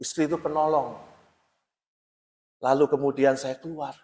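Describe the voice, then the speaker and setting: A male pastor preaching a sermon, telling a story with lively emphasis and calling out often to the congregation. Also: mid-range voice, moderate pace. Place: church. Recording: long reverb of a large church hall.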